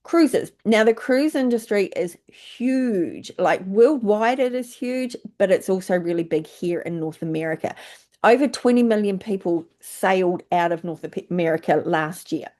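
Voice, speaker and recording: A woman's voice: medium pitch, expressive, unhurried, darkish tone. An older woman with a New Zealand accent giving a chatty, informal presentation as a travel agent recruiter, with plenty of fillers.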